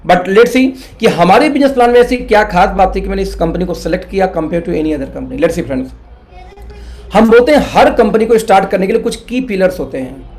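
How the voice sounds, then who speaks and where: Middle-aged man from India, higher-pitched, network marketing mentor; earnest and persuasive, talks straight to his friends in the audience. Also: animated, brisk, a little mellow. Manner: earnest, persuasive, mixes English words into Hindi, addresses listeners as friends. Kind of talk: motivational business talk.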